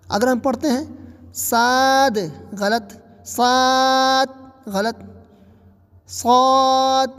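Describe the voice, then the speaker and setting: A woman's voice: on the high side, darkish tone, in a large hall. A woman teaching Quran recitation, patiently drawing out each letter sound and repeating the right and wrong versions. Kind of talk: tajweed pronunciation lesson.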